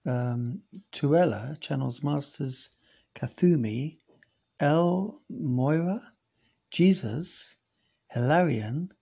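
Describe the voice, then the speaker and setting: Guy with a husky gravelly voice reading old files out loud, chatty, keeps correcting himself. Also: a little high, extremely slow. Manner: casual, self-correcting, wry asides. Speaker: podcast host. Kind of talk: reading archive files aloud with chatty commentary.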